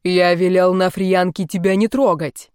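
A woman reading an audiobook voices a wounded, furious male dragon man, speaking slowly, loudly and with force. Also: on the low side, steady tone, no echo, studio quality, lightly acted.

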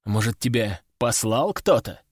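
A man's voice: mid-range voice, animated, unhurried, husky, no room sound, studio quality, pitched below the performer's own voice. Man as a sardonic demonologist hero. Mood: mocking. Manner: laconic, mocking. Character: calm sardonic young male demonologist hero.

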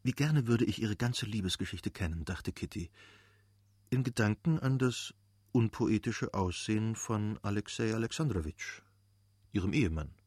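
Low-voiced guy narrating a novel, steady and measured, dry studio sound. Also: breathy edge, no echo. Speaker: audiobook narrator. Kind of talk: scripted literary narration.

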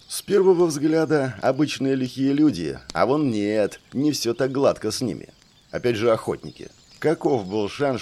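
A man's voice: on the low side, darkish tone. A man narrating an audiobook in the first person, with a wry, ironic manner.

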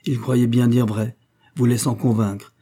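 Male narrator, audiobook, husky, dark mellow voice, measured. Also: mid-range voice, level tone. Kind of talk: scripted narration.

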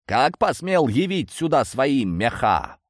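A man doing a gruff old caretaker. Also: sits low, animated, a little slow, no room sound, studio quality. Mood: furious. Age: older. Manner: gruff, grumbling. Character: grumpy old male caretaker with a shotgun.

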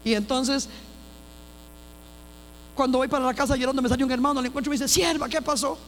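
With a fast, high-pitched, steady voice, a woman pastor recounts her personal testimony emphatically in a church, often repeating phrases and starting over. The recording has a long hall reverb and a faint mains hum.

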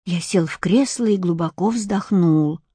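A woman calmly reading a first-person children's story aloud. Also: fairly low pitch, breathy edge, no echo. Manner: calm, unhurried first-person telling. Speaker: audiobook reader. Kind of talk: storybook narration.

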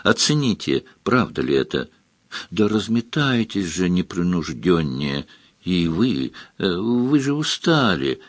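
Audiobook casting: male reader playing a sly, teasing court countess, husky and dry, with a lively lilt. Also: low voice, slow pace, no echo, exaggerated voice. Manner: teasing, playful. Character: flirtatious scheming court countess, woman.

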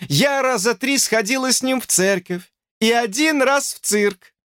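A man's voice: very high-pitched, a little slow, fairly bright tone, smooth, no echo, studio quality, voice pushed up. A man voicing a teasing, self-assured young woman who speaks in a light, mocking way.

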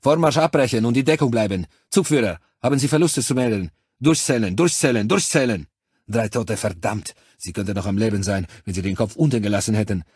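A man voicing a gruff male sergeant who shouts clipped military orders at his troops. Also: fairly low pitch, a little fast, dry recording, studio quality. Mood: commanding.

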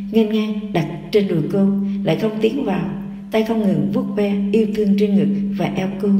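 Một người phụ nữ đọc truyện tình cảm, đọc chậm rãi và nhẹ nhàng. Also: female voice, mid-range voice, dark tone. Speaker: audiobook narrator. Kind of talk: scripted romance narration. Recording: roomy echo, distant mic, music.

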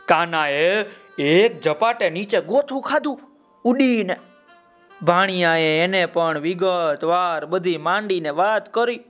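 A man telling a children's folk tale, lively and speaking straight to his listener. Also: high-pitched, takes it slowly, soft background music. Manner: lively, addresses the listener directly. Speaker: storyteller.

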